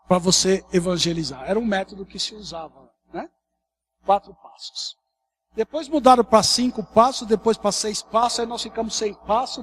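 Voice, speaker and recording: A man's voice: sits high, breathy edge. A man from Brazil with a São Paulo accent, a pastor preaching a morning sermon in a chatty way, often tacking questions onto his sentences. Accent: São Paulo Portuguese. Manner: conversational preaching, many tag questions, lively shifts. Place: church hall.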